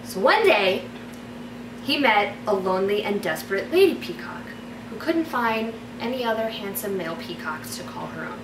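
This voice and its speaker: A woman with an expressive mid-range voice shares stories with her viewers at a normal speed, keeping things chatty and playful. A distant mic picks up room echo and background noise.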